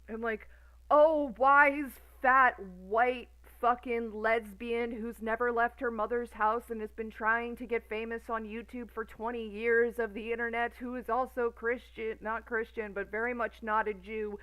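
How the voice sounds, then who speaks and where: A woman's voice: fairly high pitch, level tone, measured pace, fairly bright tone, clear, resonant tone, poor audio. A woman in her thirties ranting on a stream in a profane, sarcastic, exasperated way. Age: 30s. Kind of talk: casual ranting commentary.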